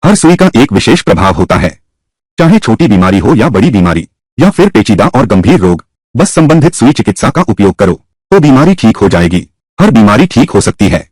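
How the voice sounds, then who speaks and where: A man voicing a Hindi dub of a short drama with a husky, theatrical delivery. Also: on the low side, big pitch swings, fairly quick, darkish tone, dry recording. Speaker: dub voice actor.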